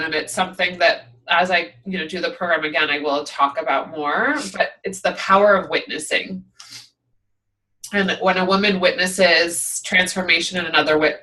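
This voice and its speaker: Bright-voiced woman coach, mic far off. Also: lowish voice. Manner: emotional and earnest, halting. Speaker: coach and host of the program. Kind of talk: group coaching call. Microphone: video call. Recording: distant from the mic on a video call.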